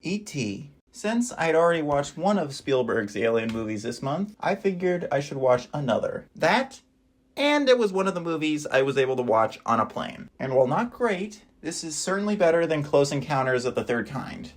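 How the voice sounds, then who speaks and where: A man's voice: a little high, big pitch swings, moderate pace. A man giving a casual, wry voice-over review of movies he watched, with dry asides.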